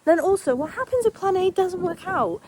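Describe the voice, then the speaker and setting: A woman's voice: very high-pitched, fairly quick, a little mellow. A young woman, chatting casually as a vlogger at horse stables, upbeat and rambling with fillers. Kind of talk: casual vlog narration.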